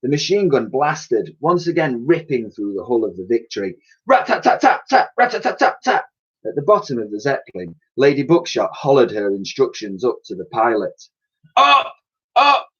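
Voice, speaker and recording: A male primary school teacher reads a children's story aloud, his voice lively and swooping across a wide range of pitch. His pitch sits in the middle, and he acts out the sound effects as he goes. The recording is dull and lo-fi. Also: fairly quick, hardly any pauses, slightly rough. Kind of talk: reading a children's book aloud.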